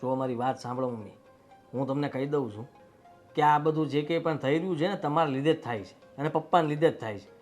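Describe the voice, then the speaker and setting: Brief: a high-voiced, indignant husband, played by a man who takes his wife's side. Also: fast, a little mellow, soft background music, natural voice. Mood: angry. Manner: indignant, scolding. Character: young husband siding with his wife against his mother. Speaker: son and husband. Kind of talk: family drama acting.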